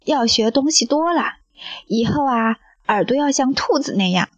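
A woman reading a playful young male disciple in an audio story, who mutters softly. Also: sits high, lively intonation, normal speed, no room sound, dull audio, pitched above the performer's own voice. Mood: musing. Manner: soft, muttering.

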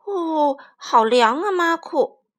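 A woman voicing an excited little girl bear cub in a storybook reading, calling out eagerly. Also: very high voice, unhurried, voice pushed up. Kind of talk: storybook voice acting.

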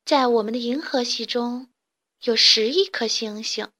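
Woman doing a high, eager little alien boy chick, storybook, proud and chatty. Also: a little slow, pushed and bright. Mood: lively. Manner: chirpy, eager and a bit proud. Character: cheerful young male alien chick student. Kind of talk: storybook character voice.

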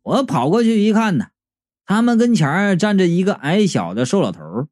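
Animated high-pitched male comic storyteller. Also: a little fast, no room sound. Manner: animated, exclaiming, playful. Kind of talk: first-person comic story narration.

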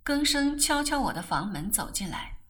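A woman reading a novel aloud slowly and expressively as an audiobook narrator. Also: sits high, very animated, a bit bright. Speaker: audiobook reader. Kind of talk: scripted narration.

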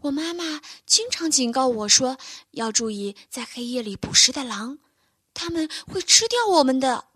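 Woman putting on a tiny reindeer calf, very high, stammering, tearful, storybook voice. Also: expressive, a little slow. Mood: timid. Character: timid crying little male reindeer calf.

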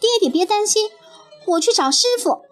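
A woman's voice: lively intonation, faint music behind. Woman playing a cheeky defiant boy hero. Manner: defiant, high and quick.

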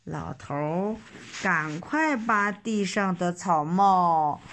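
A woman narrating a children's story in a slow, expressive storytelling manner. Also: on the low side.

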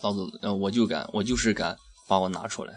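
Low-voiced man, casual radio host. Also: quick pace. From Shaanxi, China. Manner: irreverent, crude slang. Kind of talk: casual chat. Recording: music behind the voice. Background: background music.

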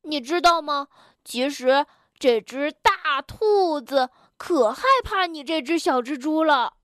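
A woman's voice: extremely high pitch, expressive, a little slow, dry recording, studio quality, pitched above the performer's own voice. A woman voicing a cheeky, fearless male frog in a children's storybook, with a chirpy, teasing and bold manner.

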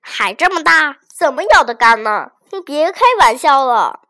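A pompous official barks and scolds, loud and huffy, voiced by a woman reading a folk tale. The voice sits high and pushes hard. It sounds like a storyteller's character turn. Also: animated, moderate pace. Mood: flustered. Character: blustering pompous male prefect, angry official.

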